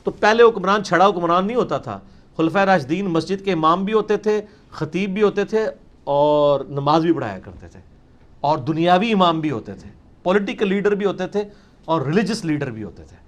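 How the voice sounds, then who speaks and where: A man's voice: high voice, lively intonation. A man answering religious questions in an emphatic, explanatory lecture style, with many English terms.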